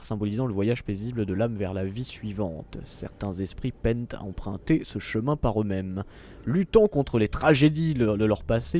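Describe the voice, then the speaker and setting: A man's voice: medium pitch, dark tone, slight background noise. A man streaming a video game, chatting casually and reading menus and game text aloud, with self-mocking asides. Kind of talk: casual gameplay commentary.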